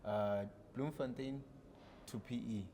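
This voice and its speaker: A man from South Africa, around his thirties, telling stories as a podcast guest in a relaxed manner with many fillers. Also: mid-range voice, slow pace, a little hiss or hum. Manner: relaxed storytelling with frequent fillers. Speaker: podcast guest, long-distance walker. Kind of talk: casual interview chat. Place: podcast studio.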